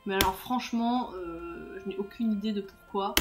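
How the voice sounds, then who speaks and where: Over background music, a woman with a mid-range voice speaks at a moderate pace as she streams a game live. She keeps things casual with her viewers, addressing chat directly, mocking herself and laughing a lot at her own slip-ups.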